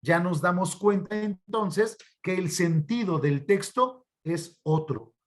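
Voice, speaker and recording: A man with a Mexican Spanish accent leads an online Bible interpretation class, his voice sitting a bit high. He keeps calling his listeners brothers and puts questions to the class as he goes. He speaks into a computer mic on a video call. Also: slow pace. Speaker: Bible study instructor. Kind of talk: online church workshop teaching.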